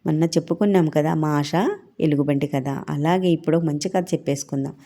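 A woman telling a children's story, gently addressing small children as their storyteller. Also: low voice, fairly even intonation, brisk, gravelly.

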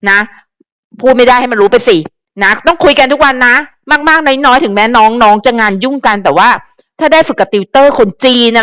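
A woman hosts a casual celebrity commentary channel and gives viewers advice in a loose, chatty ramble full of fillers. Her voice is smooth and crisp and sits a bit high. The recording is close and dry. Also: a bit bright, no room sound. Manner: chatty, frequent fillers and repetitions; advisory, talks directly to viewers.

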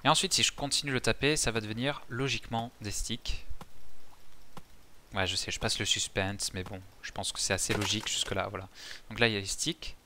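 A man's voice: lowish voice, fairly even intonation, brisk, sharp tone, slight background noise. A man casually explaining a survival game's crafting as he plays, talking in a chatty way with many fillers and restarts. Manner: chatty, many fillers and restarts, mixes English game terms. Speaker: gaming youtuber explaining a survival game. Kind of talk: casual game tutorial commentary.

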